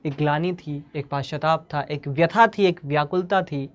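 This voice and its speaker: A woman teaching a class, explaining and reciting verse in a lively, animated way and often checking that students follow. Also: low voice, normal speed, dull audio.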